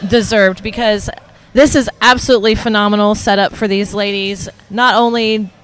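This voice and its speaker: Casting: woman as live strength-sport commentator, crisp bright tone, informal and encouraging delivery. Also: mid-range voice, steady tone, normal speed, poor audio. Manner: chatty, informal, supportive of the lifters. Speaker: livestream commentator.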